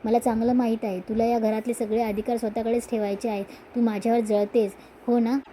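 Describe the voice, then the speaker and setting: A woman's voice: a little high, level tone, fairly quick, warm tone, a little hiss or hum, close to an everyday voice, low-quality recording. A woman voicing a spoiled, resentful young woman who sulks and accuses her elder sister. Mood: accusing. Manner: sulky, accusing.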